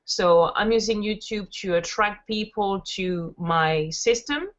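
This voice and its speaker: Chatting as a guest in a casual interview, a network marketer from France in her thirties tells stories full of fillers. She speaks at a measured pace in a mid-range voice, captured in dull lo-fi audio.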